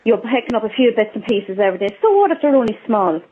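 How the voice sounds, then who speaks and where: A woman's voice: on the high side, expressive, quick pace, mellow, slightly rough. A woman with an Irish accent calling a radio phone-in to air a grievance. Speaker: phone-in caller, civil servant. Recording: tinny phone line on radio.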